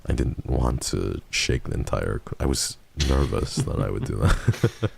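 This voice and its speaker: A man with a very deep, booming bass voice, chatting casually and animatedly like a streamer, with plenty of swearing. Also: animated, unhurried, gravelly, slightly rough. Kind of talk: casual chat.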